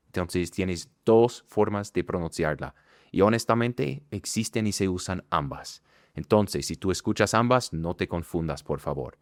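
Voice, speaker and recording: A man from the United States with an American accent, teaching an English lesson in Spanish and slowly repeating example sentences for emphasis. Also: sits low, no room sound, studio quality. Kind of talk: online language lesson.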